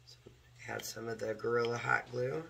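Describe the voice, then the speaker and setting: Hoarse man demoing a craft project. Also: medium pitch, flat delivery, moderate pace, a bit bright, slight background noise. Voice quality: gravelly. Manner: talks while working, moving near and far from the mic. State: hoarse from a cold. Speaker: craft tutorial host. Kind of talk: casual step-by-step craft demo.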